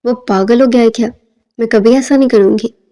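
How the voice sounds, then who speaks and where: A woman's voice: fairly high pitch, warm tone, long reverb tail, natural voice. A woman voicing a headstrong, indignant young daughter in a storybook reading, speaking defiantly.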